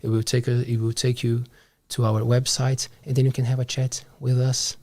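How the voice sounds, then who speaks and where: A man's voice: medium pitch, little pitch movement, moderate pace, darkish tone. A man in his thirties hosting a live studio show, talking in a friendly, upbeat way with many fillers. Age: 30s. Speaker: show host. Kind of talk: casual live show chat. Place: small studio.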